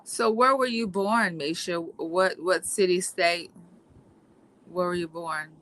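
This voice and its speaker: A woman's voice: lowish voice, takes it slowly, a bit bright. A woman hosting a casual talk show, laid-back and full of fillers like "you know" and "um". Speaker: host.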